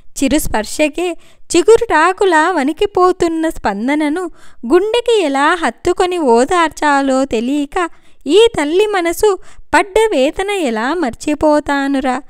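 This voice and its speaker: A woman's voice: sits high, animated, a little slow, no echo, studio quality. A woman voicing a worried middle-aged mother who speaks in an emotional, pleading way. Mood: sorrowful.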